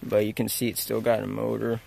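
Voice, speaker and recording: A young man who films abandoned places talks his way through a forest, camera in hand, meandering, hesitant, and frequently fixing his own words. His fairly low, gravelly voice has a darkish tone and a completely flat delivery, and he speaks fairly quickly. The handheld camera mic adds a little hiss or hum.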